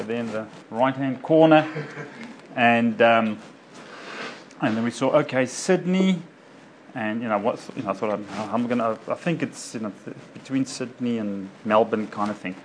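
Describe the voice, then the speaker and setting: In a medium-pitched voice at a moderate pace, a doctor from South Africa speaks informally and personally to a local community audience. His delivery wanders, full of fillers and self-corrections, and the low-quality recording has slight background noise.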